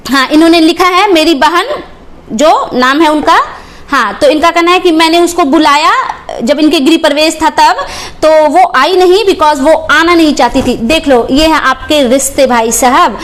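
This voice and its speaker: A young woman from Bihar with a high-pitched voice roasts other creators in a reaction video. She talks confrontationally, mocking and scolding as she goes. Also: normal speed, a bit bright. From Bihar, India.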